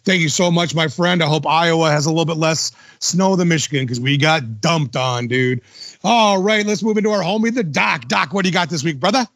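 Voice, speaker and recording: A man's voice: a little high, a little fast, a bit bright, dry recording, clean studio sound. A man hosting a podcast in casual chat, enthusiastic and full of slang like dude and bro. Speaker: podcast host.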